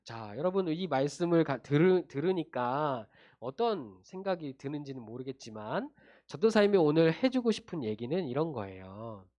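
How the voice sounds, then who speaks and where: Male junior pastor, storytelling to kids with a lively, expressive delivery. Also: on the high side, normal speed, lo-fi sound. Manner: animated storytelling, addressing kids directly with tag questions. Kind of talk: children's sermon.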